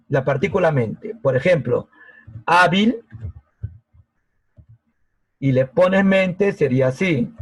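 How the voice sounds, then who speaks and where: Slow-talking man teaching a grammar class. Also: a little high, slightly rough, no room sound, poor audio. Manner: slow, patient, checks in with the class often. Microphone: laptop mic on a video call.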